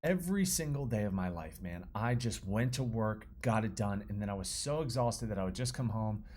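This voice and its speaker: A man in his thirties, a fitness coach, telling his story in a casual, slangy, animated way. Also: on the low side, brisk, slight background noise.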